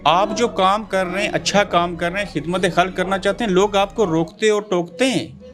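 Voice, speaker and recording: A male interviewer with a slightly high voice asks short, pointed questions that probe his guest. Faint music plays under his voice. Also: fairly even intonation, moderate pace.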